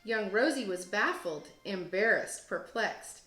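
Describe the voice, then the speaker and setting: A woman's voice: mid-range voice, animated, measured pace, a bit bright, reverberant, soft background music. A woman who teaches second grade, reading and explaining things to children in an encouraging, self-deprecating way. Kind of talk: read-aloud storytelling and casual explaining for children.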